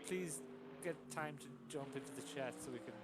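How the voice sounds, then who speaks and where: A man with an Irish accent reading out a request slowly and stiffly, like a recorded phone message, over a racing stream. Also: mid-range voice. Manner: slow stilted recorded phone message delivery. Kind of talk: casual chat while racing. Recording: game car engine noise behind. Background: racing car engines.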